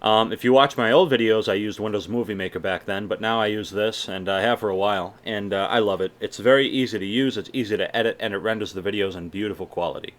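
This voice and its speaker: A fast-talking young Massachusetts man with a fairly low voice barely pauses as he responds to viewers in a casual Q&A vlog. He swears often, and his mild Boston accent mixes with general American speech.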